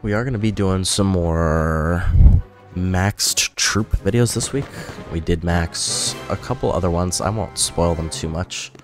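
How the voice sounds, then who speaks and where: With music playing in the background, this gaming YouTuber rambles casually through commentary on his gameplay footage. His voice sits low and moves a little slowly, slightly nasal from a cold, and his chatty delivery is full of self-corrections.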